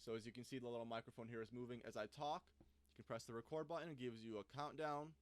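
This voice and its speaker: A man talks through a software walkthrough in a loose, conversational way, pausing to think aloud as he goes. His voice is smooth and resonant, recorded close and dry with no room sound. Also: mid-range voice, steady tone, no room sound. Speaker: software reviewer. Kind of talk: casual screen-recorded tutorial.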